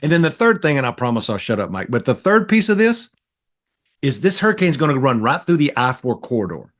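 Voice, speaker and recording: A man's voice: mid-range voice, big pitch swings, fairly quick, a bit bright. A middle-aged man, talking politics in a blunt, folksy way as a podcast co-host. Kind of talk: casual political chat.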